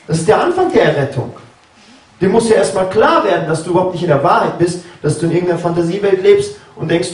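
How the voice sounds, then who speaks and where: Roomy, animated preacher. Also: male voice, far from the mic. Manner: conversational, keeps asking "ja?" and "ne?"; acts out biblical dialogue with sudden pitch jumps. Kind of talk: sermon. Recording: roomy, from off-mic.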